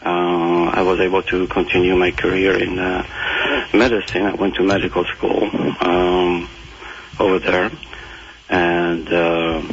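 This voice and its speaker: A man's voice: deep voice, dull audio, slight background noise. A man in his fifties, originally from Iran, speaking as a doctor guest on a radio interview, hesitant and full of fillers and restarts.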